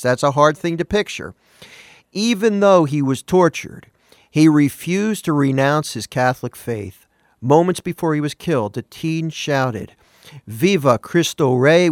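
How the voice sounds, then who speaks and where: An earnest man with a slightly high voice talks on morning radio, recorded at studio quality with no echo. Spanish is not his first language, and he speaks conversationally, correcting himself and asking listeners questions.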